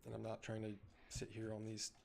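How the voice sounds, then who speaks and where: Gravelly low-voiced man ranting loudly. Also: completely flat delivery, a little fast. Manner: rambling, swears, many restarts and fillers; says he talks loud. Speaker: streamer. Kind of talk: casual ranting commentary. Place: home room with a cat.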